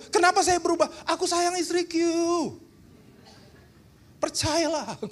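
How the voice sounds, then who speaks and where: A man from Indonesia, a pastor preaching a church seminar sermon with humor, teasing his congregation and talking in an animated way. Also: very high-pitched. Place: church hall.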